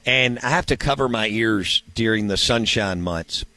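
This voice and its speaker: A man's voice: on the low side, moderate pace, pushed and bright, no room sound, rough recording. A man hosting a sports show, chatting casually and rambling as he thinks aloud and asks himself questions. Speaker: sports radio show host.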